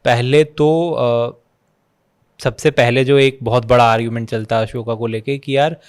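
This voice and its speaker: A man's voice: mid-range voice, fairly even intonation, moderate pace, clean tone. A man hosting a podcast interview, who asks short questions, mixes English into his Hindi, and keeps up frequent listening sounds. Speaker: podcast host.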